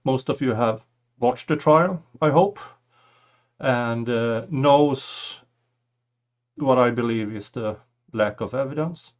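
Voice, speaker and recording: A man improvising a mock closing argument to a jury in a hesitant, halting way with long pauses. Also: medium pitch.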